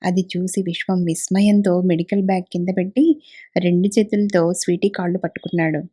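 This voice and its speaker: A woman narrating a story in a calm, measured way. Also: on the low side, breathy edge, dry recording, clean studio sound. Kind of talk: audiobook narration.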